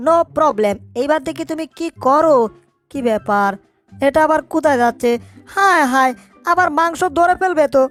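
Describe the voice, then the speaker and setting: A woman's voice: sits high, moderate pace, soft background music, lightly acted. Woman voicing Jerry, a bossy little mouse. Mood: fretful. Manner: chatty, scolding, thinking aloud. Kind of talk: fan cartoon dubbing.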